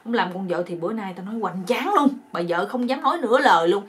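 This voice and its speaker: A woman tells a bawdy comic folk tale in a chatty, animated, colloquial manner. Her voice is husky and mid-pitched. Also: quick pace. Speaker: storyteller. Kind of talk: casual comic storytelling.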